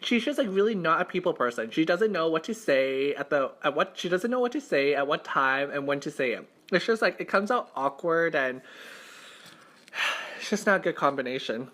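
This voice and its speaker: A young man with a slightly high-pitched voice talks as a mukbang vlogger. He tells his story casually and conversationally, doubling back to rephrase and peppering it with "like". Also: expressive, moderate pace, a bit bright. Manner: conversational, repeats and rephrases himself, heavy use of "like". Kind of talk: casual storytime chat while eating.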